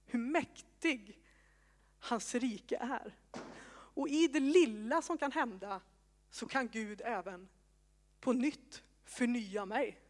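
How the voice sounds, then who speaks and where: A woman's voice: a little high, long pauses. A woman in her thirties preaching a sermon with personal testimony, in a conversational way with self-mocking asides. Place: church hall with congregation. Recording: long hall reverb.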